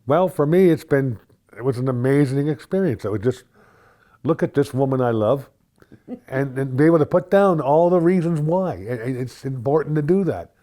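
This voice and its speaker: Brief: older man, mellow and dark in tone, soft-spoken interviewee reading his own notes. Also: mid-range voice, expressive, moderate pace. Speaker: husband interviewed in a news feature.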